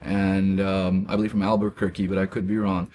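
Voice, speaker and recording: A man in his forties from Pakistan, a guest speaking haltingly in a casual interview, with many fillers and restarts. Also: low-pitched, flat delivery, darkish tone, slight background noise.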